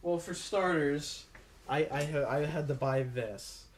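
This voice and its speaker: A man's voice: fairly high pitch, measured pace, slight background noise. Man rambling on a casual livestream. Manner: rambling, self-correcting, talks straight to viewers. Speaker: livestream host. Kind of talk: casual live-stream chat with viewers.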